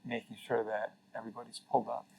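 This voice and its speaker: Over a rough recording, a middle-aged Mexican man talks fast in a mid-range voice that is gravelly, a little mellow, and slightly rough, with flat delivery. As a former carbon registry CEO guesting in a casual interview, he is earnest and reflective and frequently restarts or uses fillers.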